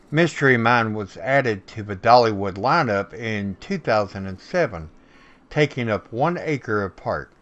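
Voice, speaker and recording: A man's voice: medium pitch, highs cut off. A man narrating a scripted promotional video as its host.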